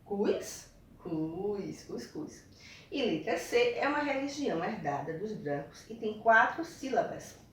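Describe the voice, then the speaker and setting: A woman's voice: a little high, very animated, moderate pace, few pauses, a bit bright, a little hiss or hum. Brazilian woman teacher reading out workbook tasks, sing-song up and down, big echo off a distant mic. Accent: Brazilian Portuguese. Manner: coaxing, checks in with tag questions. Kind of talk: video lesson walking through textbook exercises.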